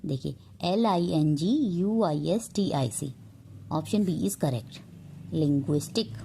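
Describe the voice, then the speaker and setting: Indian woman teacher for a vocabulary lesson, unhurried, mellow low voice, mixes Hindi and English, spells words letter by letter.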